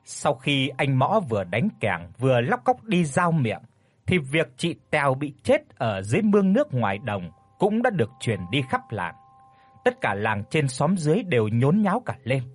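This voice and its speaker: Male horror narrator: husky, animated delivery, dry close sound. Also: medium pitch, normal speed, no room sound, soft background music. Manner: expressive, dramatic storytelling. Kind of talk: scripted horror story narration.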